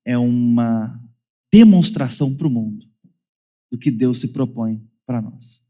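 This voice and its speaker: A man's voice: mid-range voice, slow pace, mellow. A man with a Brazilian Portuguese accent preaching a sermon as pastor, with wry humor and playful asides. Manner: wry humor, mimics children's whining voices.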